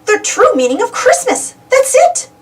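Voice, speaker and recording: Woman voicing Donald Duck, excitable and very animated. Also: very high voice, normal speed, recorded from a distance, slight background noise, voice pushed up, heavily acted. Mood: excited realisation. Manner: exclamatory, eager, wondering aloud. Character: excitable, self-centred male cartoon duck.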